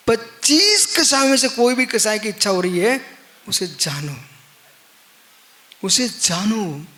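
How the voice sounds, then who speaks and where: Male monk preacher, high and bright, unhurried; repeats short refrains, shifts from forceful stress to quiet. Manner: slow, repetitive teaching with emphatic refrains and rhetorical questions; swings between loud stress and near-hushed low lines. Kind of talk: live religious discourse.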